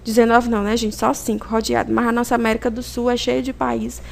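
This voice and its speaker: Speaking a little fast with vocal fry and little pitch movement, a high-voiced woman with a Brazilian Portuguese accent presents a video lesson. It's an informal recorded lecture where she poses and answers her own questions, often adding tag questions to confirm listeners keep up.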